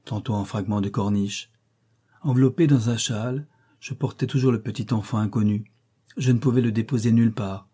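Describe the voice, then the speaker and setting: A man voicing an anxious young woman governess in an audiobook reading of a classic novel, measured and solemn. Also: medium pitch, mellow, breathy edge, natural voice.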